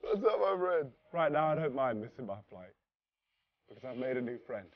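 A young man vlogging on the streets and in a wildlife park, excitable and laughing often. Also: mid-range voice, fairly quick, muffled recording. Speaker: travel vlogger. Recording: noisy outdoor street recording.

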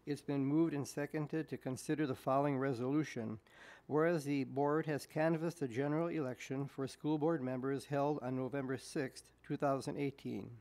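A man's voice: mid-range voice, fairly even intonation, a little mellow. Man formally reading board resolutions. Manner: measured, official, deliberate. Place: school board meeting room.

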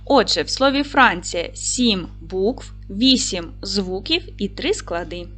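A woman teacher speaks to young pupils in a video lesson, her voice lively and rising and falling a lot. She gives clear, patient instructions at a medium pitch. Faint music plays softly underneath. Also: slow pace. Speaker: primary school teacher.

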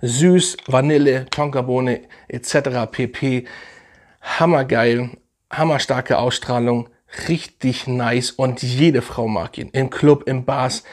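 A man's voice: medium pitch, fairly even intonation, slow. A young man casually reviewing fragrances in a vlog, enthusiastic and slangy, rambling with fillers.

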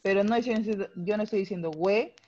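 A woman's voice: medium pitch, fairly even intonation, very fast, lo-fi sound, noisy background. A woman teacher with a Peruvian Spanish accent, explaining a grammar lesson patiently in an online class and checking understanding with frequent tag questions.

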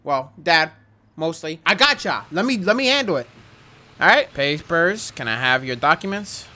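A young man commentating a video game casually, with loud, profane, joking reactions. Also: on the high side, very animated, moderate pace. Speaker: gaming streamer.

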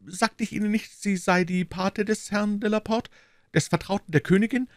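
A man voicing an anxious, fussy middle-aged landlord in an audiobook, in a high, strained, wordy and timid voice. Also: steady tone, moderate pace, no echo, clean studio sound, close to an everyday voice. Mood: fretful. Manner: wordy, timid, eager to please. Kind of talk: audiobook reading.

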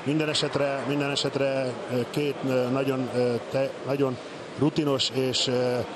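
A man giving unscripted match analysis as a co-commentator, in hesitant, halting phrases. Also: medium pitch, level tone. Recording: loud pool-hall noise behind. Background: loud indoor pool ambience.

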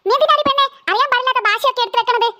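A woman's voice: extremely high pitch, racing, pushed and bright. Woman doing a scolding cartoon mother. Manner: scolding, exasperated. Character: busy scolding cartoon mother, short-tempered. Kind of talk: cartoon voice acting.

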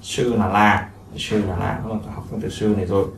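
In an echoey room recorded from a distance with faint noise, a man with a lowish, gravelly, steady voice briskly runs a language lesson, repeating explanations of each phrase and using many fillers.

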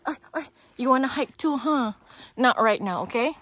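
A woman's voice: a little high, lively intonation, moderate pace, fairly bright tone. A woman chatting casually as she vlogs a hike outdoors, laughing often and cooing to her baby along the way. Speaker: travel vlogger. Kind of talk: casual vlog narration. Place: outdoors on canyon trails.

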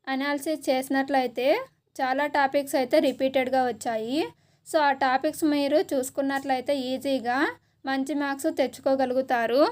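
A high-pitched woman with a Telugu accent teaches an exam-preparation lesson. She explains steadily, pausing to list each term one by one. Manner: slow, deliberate listing of terms one by one.

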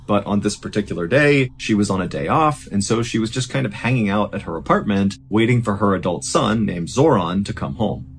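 A man's voice: fairly low pitch, a little hiss or hum. A man hosting a podcast, narrating a true-crime story in a casual, conversational way. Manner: casual and conversational, with fillers like "you know".

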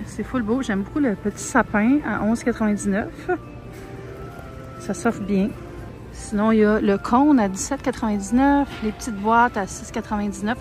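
In a casual shop-with-me clip, a young woman with a Québécois French accent films herself browsing a big grocery store by phone. She talks in a mid-range voice, chatty and full of fillers and soft asides. Faint store music is audible, and the sound quality is poor.

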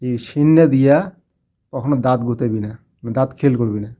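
A man quoting his playful, teasing mother in a hushed, secretive tone. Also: mid-range voice, moderate pace, muffled recording, close to an everyday voice.

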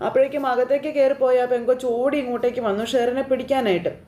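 A woman's voice: sits high, steady tone, very fast, mellow, reverberant. A woman with a Kerala accent casually retelling a TV serial episode, chatty and full of fillers. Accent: Kerala Malayalam. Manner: informal, lots of fillers and "kēṭṭō" tags. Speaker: serial recap narrator.

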